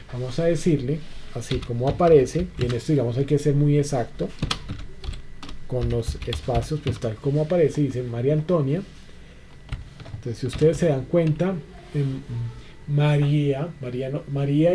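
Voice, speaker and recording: With a warm, slightly high voice, this man guides an online spreadsheet lesson step by step, patient and repetitive, leaning constantly on fillers such as "entonces" and "listo." There is a little background noise.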